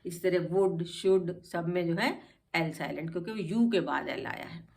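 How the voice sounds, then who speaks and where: A woman's voice: fairly low pitch, normal speed, creaky, a little mellow. A woman teaching English spelling rules, patiently spelling out each word letter by letter. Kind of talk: spelling lesson explained in Hindi.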